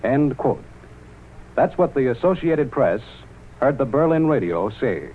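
A man reading a formal wartime radio news bulletin in a measured announcer delivery, with the sound of an old newsreel broadcast. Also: mid-range voice, big pitch swings, a little hiss or hum. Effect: old newsreel-style radio broadcast sound. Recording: tinny, narrow-band 1940s radio broadcast.

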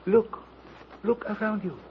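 An actor playing a cautious, courteous French lieutenant with a French accent, earnestly reasoning in 1930s radio drama style. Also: male voice, high voice, a little slow. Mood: earnest, urgent. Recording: dull, noisy old radio recording.

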